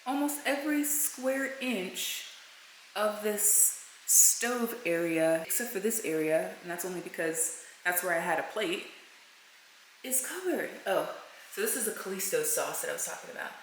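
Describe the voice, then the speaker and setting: A woman in her thirties vlogs casually to the camera, first from her kitchen at home and then from a car, calling her viewers folks and y'all. She speaks at a medium pitch and normal speed. The recording is low quality, with slight background noise.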